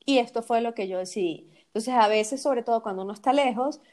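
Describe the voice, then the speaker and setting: Venezuelan-accented woman, slightly high voice, lively storyteller in casual chat. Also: brisk. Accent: Venezuelan Spanish. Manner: animated storyteller, many fillers and restarts.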